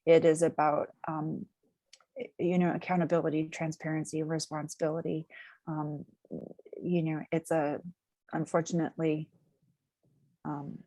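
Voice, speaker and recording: A woman with a low, deep voice answers interview questions for a community agency. She talks in measured, jargon-heavy phrases and leans on plenty of filler words. The sound is dry and close, with no room echo. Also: flat delivery, warm tone.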